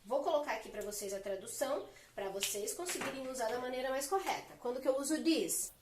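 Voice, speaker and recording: A woman with a high voice teaches English grammar at a whiteboard. She explains step by step and keeps asking her students rhetorical questions. The sound is roomy and echoey. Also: quick pace, background noise. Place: room with a whiteboard.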